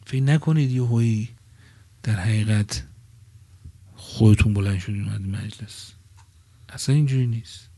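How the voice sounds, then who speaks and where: A man giving a religious sermon at a gathering under a tent. He moves from quiet asides to loud, stressed phrases and slows down to draw out key words. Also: lowish voice, no echo. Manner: swings between soft asides and loud emphatic phrases, drawing out key words slowly. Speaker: preacher.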